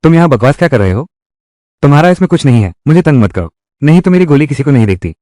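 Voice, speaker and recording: A man's voice: on the high side, big pitch swings, fast talker, warm tone, dry recording. A man voicing a fierce young hero, dry. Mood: threatening. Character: young man protagonist, fierce about his sister.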